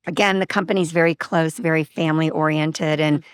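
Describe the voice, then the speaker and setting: Her voice sits low and sounds clean as she talks briskly, recorded in the studio with no room sound. She's a guest on a podcast, openly sharing a personal story in a relaxed way and lively acting out the dialogue of others.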